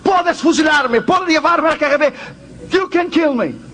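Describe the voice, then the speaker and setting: A man's voice: moderate pace, slight background noise. A man voicing a frightened pastor in a sermon story, pleading and protesting. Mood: desperate. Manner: pleading, high and nervous. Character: anxious pleading male pastor abroad.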